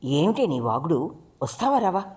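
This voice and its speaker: A woman's voice: low-pitched, big pitch swings, moderate pace, darkish tone. Woman doing an exasperated scolding mother.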